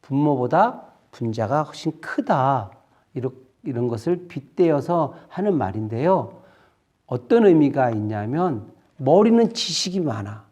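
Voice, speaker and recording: A man giving a children's sermon, telling a Bible story in an expressive way and speaking to the kids as friends. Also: mid-range voice, measured pace. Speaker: children's ministry preacher.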